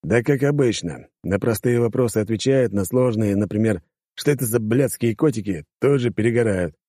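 Brief: man doing a bantering, excuse-making male friend, low and dark, dry close mic. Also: moderate pace, no echo, natural voice. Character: joking male inquisitor friend, defensive. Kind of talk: audiobook character voice.

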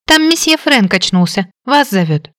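A woman reading an audiobook voices a timid young maid who squeaks and stammers in fright. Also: sing-song, moderate pace, fairly bright tone, dry recording. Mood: frightened. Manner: startled, stammering exclamations. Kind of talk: audiobook character voice.

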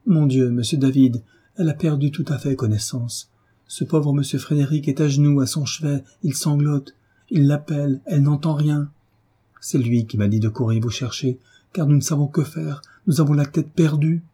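A man's voice: mid-range voice, normal speed, warm tone, breathy edge, voice pushed up. A man voicing a panicked female servant, fretful and pleading, in a storybook reading. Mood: anxious.

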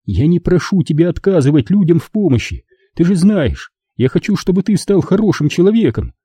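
A shrill, high mother's voice that scolds and pleads in turn, swinging wildly in pitch, as a man reading an audiobook puts her on. The tone stays husky and dark underneath. The recording is dry and close. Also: very animated, fairly quick, dry recording. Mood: pleading. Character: frightened angry mother, middle-aged woman.

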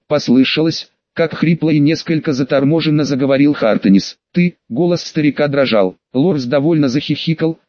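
A man narrating a fantasy audiobook in a steady storytelling manner, voicing characters softly. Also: fairly high pitch, no echo. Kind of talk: scripted narration. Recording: dull, close, dry recording.

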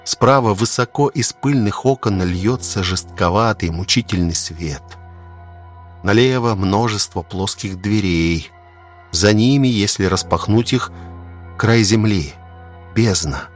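Low-voiced man slowly narrating a novel. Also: faint music behind. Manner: slow, measured reading. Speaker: audiobook narrator.

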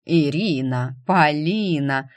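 A man's voice: a little high, fairly even intonation, slow pace, no echo. A man doing a smug, fake-cheerful ex-husband. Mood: falsely cheerful. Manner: falsely cheerful, then sneering. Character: smug, insincere ex-husband, middle-aged man.

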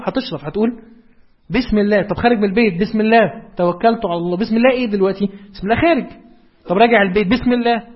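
A man with an Egyptian Arabic accent delivers a religious lecture in a high, husky voice. He talks quickly and keeps checking in with his listeners through rhetorical questions. The recording sounds dull and lo-fi. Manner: explanatory, asks rhetorical questions. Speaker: preacher.

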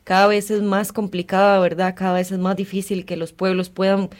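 Woman radio host, mid pitch, calm, lots of "eh" and "pues". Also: a little fast. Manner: calm, thoughtful, with frequent fillers. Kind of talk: community radio talk.

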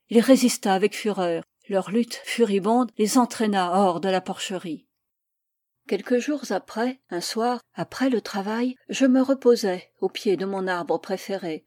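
A woman calmly reading a first-person novel aloud in a measured way. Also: mid-range voice, dry recording. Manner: calm, measured. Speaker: audiobook reader.

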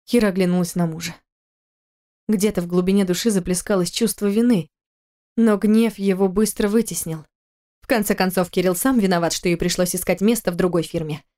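A woman narrating a romance audiobook in a calm, measured way. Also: lowish voice.

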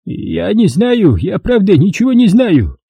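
A man's voice: high voice, huge pitch swings, a little fast, dark tone, dry recording, voice pushed up, heavily acted. A man voicing a terrified middle-aged male dealer who babbles and pleads for his life in an audiobook. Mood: frightened. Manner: pleading, babbling, near tears. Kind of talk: audiobook reading.

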